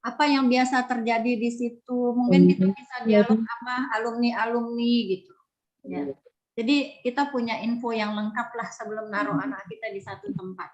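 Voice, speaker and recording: Woman, high voice, dull lo-fi call audio, webinar advice talk. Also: moderate pace. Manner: warm, repetitive, peppered with "ya". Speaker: speaker.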